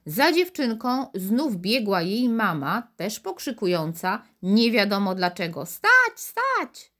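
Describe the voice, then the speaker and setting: A woman narrates a children's story aloud. Her reading is animated, with a wide, lively pitch range. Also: unhurried. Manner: expressive, animated.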